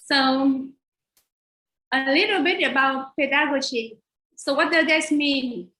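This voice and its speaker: A woman with a Vietnamese accent, a teacher educator from Vietnam whose native language is Vietnamese, speaks slowly in a high, sharp voice during an earnest slide presentation for a webinar over a video call. The audio is poor, with a roomy sound.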